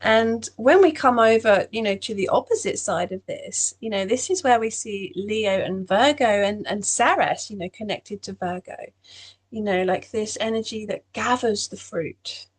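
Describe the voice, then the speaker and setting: A woman's voice: mid-range voice, unhurried, breathy edge. A woman giving a meandering spiritual astrology talk, full of "you know" fillers. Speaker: astrology channel host.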